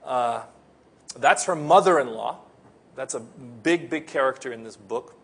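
The speaker is a man from the Philippines, raised in the U.S., who preaches with an American accent and heartfelt earnestness, lingering on crucial phrases. His mid-range voice is gravelly and slightly rough, with a bit of brightness.

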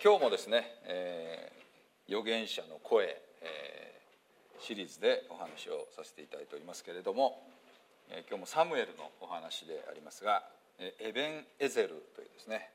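Speaking in Hiroshima Japanese, a pastor from that city gives a relaxed sermon and goes over a quiz. His talk is conversational and filler-heavy, with animated rises and falls in pitch.

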